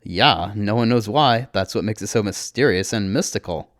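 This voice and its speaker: A man's voice: lowish voice, moderate pace, dry recording, studio quality, lightly acted. A man doing a bubbly, clueless young woman. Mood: cheerful. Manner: bubbly and excitable.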